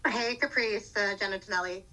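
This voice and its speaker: A woman's voice: medium pitch, steady tone, brisk, pushed and bright, poor audio. A woman reporter asking a question at a press conference, hedging with "kinda" and "you know". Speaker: sports reporter.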